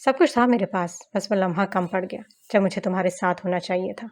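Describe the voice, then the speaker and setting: A woman's voice: medium pitch, brisk, close to an everyday voice. A woman reading an audiobook novel, voicing a broken, desperate young man who pleads in anguished outbursts.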